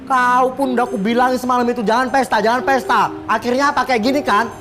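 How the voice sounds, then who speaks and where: A woman with a Medan accent playing a sharp-tongued, bossy middle-aged woman who scolds and complains bluntly. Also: fairly high pitch, fairly even intonation, quick pace, soft background music, close to an everyday voice. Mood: scolding. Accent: Medan Indonesian. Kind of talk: comedy web drama acting.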